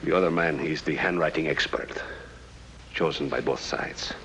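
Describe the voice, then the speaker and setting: An actor playing a formal, anxious government second-in-command in a 1950s radio drama. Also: male voice, very deep voice, moderate pace, fairly bright tone, a little hiss or hum, low-quality recording. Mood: worried. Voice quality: formal, stiff.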